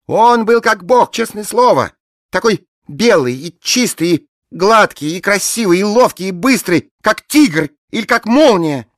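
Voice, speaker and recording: A man's voice: high-pitched, animated, unhurried, dry recording, studio quality, pitched above the performer's own voice. A man voicing a proud, melodramatic woman who shrieks her lines in an audiobook reading. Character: shrill, proud, loud bleached-blonde woman.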